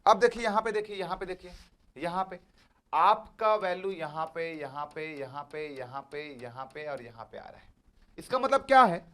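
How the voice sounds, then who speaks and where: A man on the higher side, slightly bright and animated, speaks at normal speed in an exam-prep class. He repeats key ideas, gently urges students on with frequent comprehension checks, and calls them "beta."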